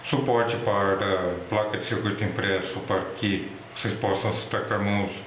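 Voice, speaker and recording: A man with a Brazilian accent giving an informal electronics tutorial and product rundown in a halting, instructional way. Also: fairly low pitch. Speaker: electronics hobby presenter. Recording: roomy, echoey, dull lo-fi with faint noise.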